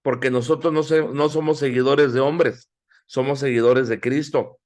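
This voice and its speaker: A man's voice: medium pitch, steady tone, normal speed, darkish tone. A middle-aged man teaching a Bible class in sermon style, exhorting listeners and asking them questions. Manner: exhorting, asks the audience questions.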